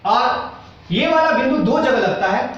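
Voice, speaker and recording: High-voiced male Hindi teacher in an echoey classroom. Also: animated, a little slow, fairly bright tone, far from the mic, muffled recording. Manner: questions the class often and answers himself; acts out students' doubts in quoted asides. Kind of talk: classroom grammar lecture.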